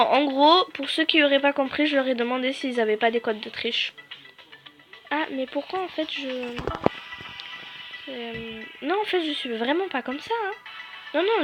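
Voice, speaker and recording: A woman's voice: high-pitched, a bit bright. A young woman giving chatty, self-mocking commentary while playing a video game for her channel. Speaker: gaming YouTuber. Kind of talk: casual gameplay commentary.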